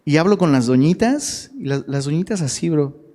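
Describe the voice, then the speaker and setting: A man's voice: fairly high pitch, lively intonation, normal speed, dark tone. A man preaching a casual sermon to a live audience as a youth pastor, slangy and chatty, often asking the crowd questions. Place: church hall. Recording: long hall reverb.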